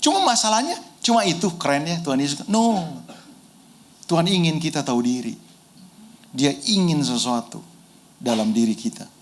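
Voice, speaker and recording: Lively, high-voiced male pastor preaching. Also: moderate pace, pauses often, a little hiss or hum. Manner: animated storytelling, shouting at peaks, colloquial Jakarta slang. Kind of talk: sermon.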